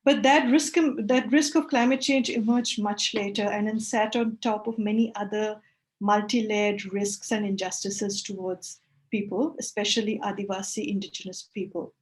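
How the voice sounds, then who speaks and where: A woman's voice: medium pitch, fairly even intonation, moderate pace. A woman in her forties who grew up in India gives a workshop talk over a video call. She speaks thoughtfully, with frequent fillers and self-corrections. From West Bengal, India. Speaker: workshop presenter.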